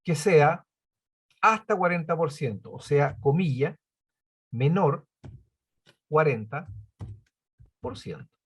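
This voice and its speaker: Man doing a spreadsheet tutorial, kinda husky voice, counts stuff out loud slowly. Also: a little high, expressive. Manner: patient, counts aloud step by step. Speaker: computing teacher.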